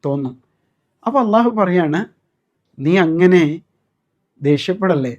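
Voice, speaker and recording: Male Quran teacher, fairly high voice, dull lo-fi sound; explains patiently, asks the class questions, recites verses slowly. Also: lively intonation. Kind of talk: recorded Arabic and Quran class.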